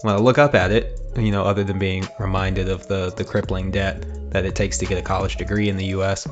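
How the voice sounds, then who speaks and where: A man hosting a podcast, introducing a guest and asking relaxed, friendly questions. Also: low voice, a little fast, highs cut off, music in the background. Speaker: podcast host.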